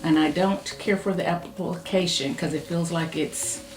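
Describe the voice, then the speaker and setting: Woman, casual hair product review, low voice, fast chatty talk, echoey room, faint music behind. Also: fairly even intonation. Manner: chatty, talks fast, thinks aloud while styling her hair. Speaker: hair care YouTuber.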